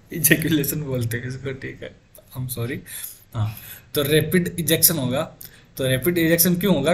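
Young male lecturer, fairly high voice, takes it step by step and quizzes the class. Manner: explains step by step, asking the class rhetorical questions. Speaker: medical lecturer.

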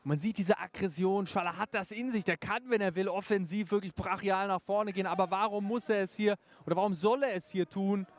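A man's voice: high voice, brisk, few pauses. A man giving live boxing commentary in an emphatic, opinionated way.

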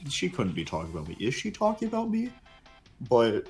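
A man's voice: mid-range voice, wildly swooping pitch, brisk, darkish tone, faint music behind. A man voicing an earnest cartoon chameleon ninja who stammers defensively and gets flustered in improvised banter. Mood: sheepish.

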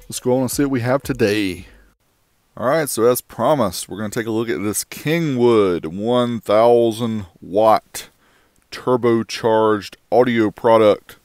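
A man narrates a casual review of car audio gear with a low voice. He drops wry, joking asides as he goes. The sound is dry and close to the mic. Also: measured pace, darkish tone, no room sound. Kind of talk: casual voice-over product review.

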